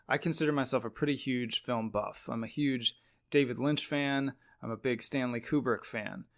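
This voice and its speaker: A man's voice: mid-range voice, fairly bright tone. A man giving casual opinion commentary, explaining his views in an earnest, emphatic and opinionated way. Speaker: video commentator.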